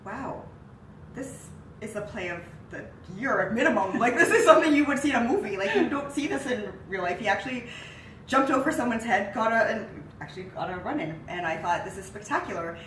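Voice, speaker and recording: A woman in her thirties co-hosts an easygoing sports chat on a living-room couch, her voice a little high, brisk and nasal from a cold. She's talkative and turns animated when excited. Recorded on a far camera mic, the sound is distant, roomy and hissy.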